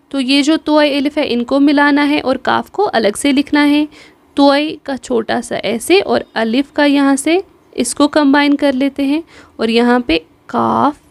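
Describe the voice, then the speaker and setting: Woman, Kashmiri accent, high voice, dry close sound, patient Urdu script teacher. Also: vocal fry, no room sound. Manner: patient, repeats "theek hai", spells letters slowly. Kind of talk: online exam-prep lesson.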